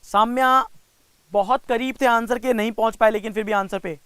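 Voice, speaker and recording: A young Indian man teaching reasoning in a live online class, mixing Hindi with English, coaxing and teasing students by name and slowing down to spell out each step. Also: very high voice, fairly even intonation, fairly bright tone, clean tone, no room sound. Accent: Indian English mixed with Hindi. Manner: coaxing and teasing, reads out student names, slows down to spell out steps. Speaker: reasoning teacher for bank exams.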